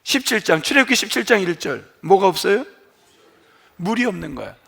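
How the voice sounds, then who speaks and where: A middle-aged man preaching in church as the pastor. He asks his congregation questions and answers them himself, and his voice drops low and quiet at the end of emphatic phrases. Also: very animated, brisk, vocal fry, breathy edge. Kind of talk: sermon. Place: church sanctuary.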